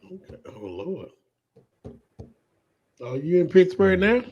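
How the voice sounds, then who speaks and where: A man's voice: high voice, very animated, takes it slowly, vocal fry, muffled recording. A man hosting a livestream talk show, chatting and joking with a caller in a casual, country-sounding way. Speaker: show host.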